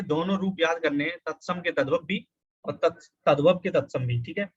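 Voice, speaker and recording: A man's voice: sits high, breathy edge, dry recording, lo-fi sound. A man teaching Hindi spelling for exam preparation, explaining step by step and checking in often with the students. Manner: explanatory, repeats key points with "ठीक है". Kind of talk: exam prep lecture.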